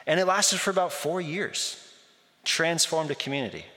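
A man's voice: on the high side, normal speed, sharp tone. Man preaching in an echoing church hall. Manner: conversational preaching with storytelling asides. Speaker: pastor. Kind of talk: sermon.

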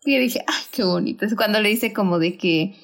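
Animated young woman chatting about films. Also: fairly quick, vocal fry. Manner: animated, laughs often, acts out her own reactions in high squeals. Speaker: podcast co-host. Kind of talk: casual film chat.

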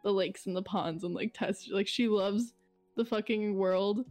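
A young woman with a Canadian accent chatting casually as a podcast co-host, rambling and filling every pause with "like". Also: mid-range voice, steady tone, a little mellow, faint music behind. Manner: rambling, heavy use of "like", laughs often. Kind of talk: casual chat.

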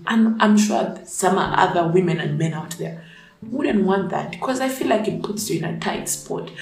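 A woman's voice: on the low side, darkish tone, roomy sound, low-quality recording. A young woman who is sick and whose voice is off rants bluntly and profanely in a casual opinion vlog. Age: young adult. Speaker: vlogger.

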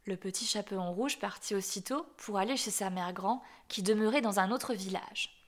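A woman reading a classic fairy tale aloud in an expressive, measured storytelling manner. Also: mid-range voice.

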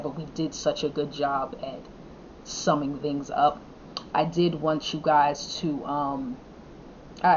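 A woman's voice: sits low, darkish tone, muffled recording, slight background noise. A woman hosting a casual podcast, talking in an affirming, thankful way with loose fillers. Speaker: podcast host.

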